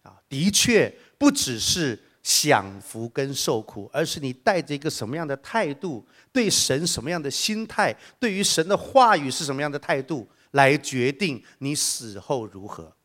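A male preacher delivering a sermon with a lively, swooping delivery that leaps up high in his quoted lines. His voice sits a little higher than most men's, and he drops in humorous asides between the serious points. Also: normal speed. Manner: lively, acts out quoted voices with big pitch jumps.

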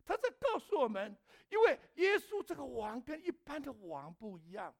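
A middle-aged male pastor preaching a sermon, telling personal stories with animation, acting out his own shouts and asking the congregation questions. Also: very high-pitched, huge pitch swings, normal speed.

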